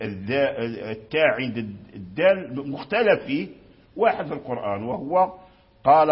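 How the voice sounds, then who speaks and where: A man teaching Quran recitation, repeating recited phrases to demonstrate pronunciation, with frequent restarts. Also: medium pitch. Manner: many restarts and hesitations. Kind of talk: classroom lesson on recitation. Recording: husky voice on a dull lo-fi recording.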